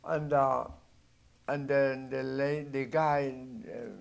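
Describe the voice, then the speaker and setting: A man preaching a sermon in halting, non-native English with many restarts, swinging between loud bursts and low asides. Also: level tone, gravelly, smooth.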